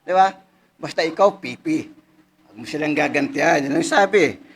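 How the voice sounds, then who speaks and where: A man preaching a sermon, casually checking in with listeners and reading scripture slowly with emphasis. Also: a little high, a little hiss or hum. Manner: conversational teaching, frequent "no?" and "di ba?" checks. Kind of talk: Bible study sermon.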